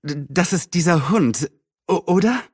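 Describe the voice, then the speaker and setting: A man's voice: on the high side, normal speed, no echo, clean studio sound, pitched above the performer's own voice, lightly acted. A man voicing a prim, nosy middle-aged woman neighbor who sounds a little disapproving and fussy.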